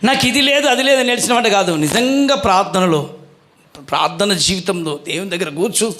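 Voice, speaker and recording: High-voiced pastor preaching. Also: male voice, brisk, fairly bright tone. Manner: preaching, questions the congregation and calls for answers. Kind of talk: sermon.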